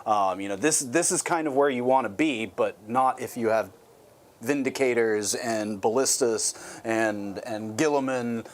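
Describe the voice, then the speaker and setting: A man's voice: medium pitch, unhurried. Hesitant man recapping his game plan. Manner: hesitant, many fillers. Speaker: tabletop game player.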